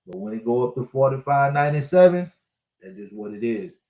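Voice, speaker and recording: A man's voice: medium pitch, animated, a little fast, warm tone, echoey room. A man in his sixties giving a preachy, repetitive motivational talk to his online viewers as a spiritual life coach. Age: 60s.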